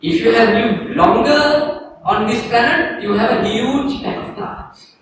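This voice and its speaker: Sri Lankan monk giving a calm, slow dharma talk, high voice, distant in a roomy hall with faint hiss. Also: male voice. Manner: slow, calm, leading a guided reflection. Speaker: Buddhist monk teaching. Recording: echoey room, distant mic, faint noise.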